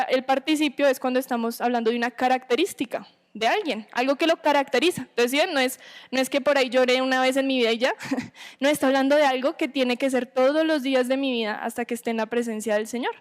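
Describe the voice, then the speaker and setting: A woman giving a sermon to a women's meeting, teaching in a conversational way, asking rhetorical questions and checking in with her listeners. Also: high-pitched.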